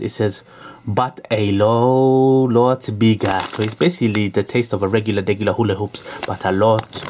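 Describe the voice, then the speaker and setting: A man hosting a casual snack review in a jokey, rambling way, repeating his catchphrases. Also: on the low side. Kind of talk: casual product review to camera. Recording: clearly noisy, crinkling packet and clicks. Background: crisp packet crinkling.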